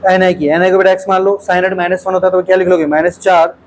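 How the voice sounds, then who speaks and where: A man's voice: high voice, flat delivery, fast talker, rough recording. A male teacher solves exam questions aloud in a lecture, keeps calling his students "beta", and asks questions and repeats the answers.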